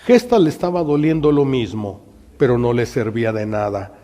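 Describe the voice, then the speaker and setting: Mexican priest preaching in an echoing hall. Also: male voice, mid-range voice, lively intonation, moderate pace, dark tone. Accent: Mexican Spanish. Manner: dramatic storytelling preaching. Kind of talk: sermon. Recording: long hall reverb.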